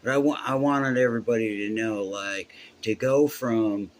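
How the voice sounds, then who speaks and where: A man's voice: fairly low pitch, normal speed, a little hiss or hum. A man, a musician telling a heartfelt, profane story in a casual way.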